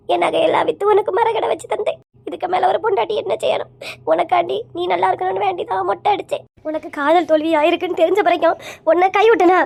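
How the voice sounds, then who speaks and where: A sobbing, betrayed village wife, played by a woman pours out her complaints in a wailing, scolding torrent. The voice sits very high and the words rush out fast. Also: vocal fry, darkish tone. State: crying. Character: weeping middle-aged village wife, betrayed. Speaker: comedy skit performer.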